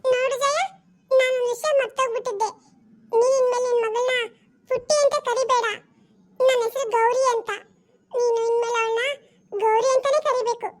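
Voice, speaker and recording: A woman voicing a calm, firm female spirit that has taken over a young girl, speaking in a stern, bargaining way. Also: extremely high pitch. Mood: solemn. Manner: stern and bargaining, slow and solemn. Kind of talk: home-made family drama.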